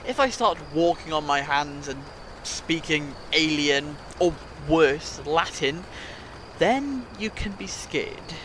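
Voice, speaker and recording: A man's voice: on the high side, animated, slow pace, a bit bright, a little hiss or hum. A man playing a witty, reassuring alien time traveller in a fan audio drama, theatrical and wry. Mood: calm, reassuring. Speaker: amateur audio drama actor.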